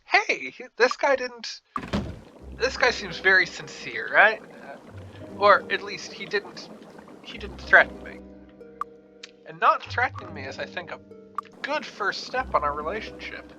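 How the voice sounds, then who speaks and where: A man's voice: high voice, big pitch swings, a little slow, long pauses, lo-fi sound, music in the background. A man giving casual game commentary, musing aloud in a wry way as he plays. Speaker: gamer narrating a playthrough.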